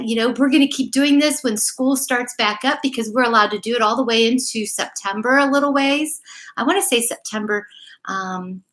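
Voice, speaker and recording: A middle-aged or older woman, perhaps an elementary school principal or staff storyteller, chats casually with young children and reads them a bedtime story. Her voice sits on the high side and is bright, with a forceful tone, as she encourages them and addresses them directly.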